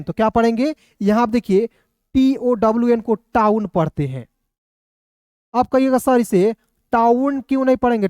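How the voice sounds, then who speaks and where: A man's voice: high voice, a little mellow, no room sound, studio quality. A man teaching English spelling to beginners, patient and repetitive, often asking his viewers questions. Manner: patient, repeats each word and asks the viewers questions.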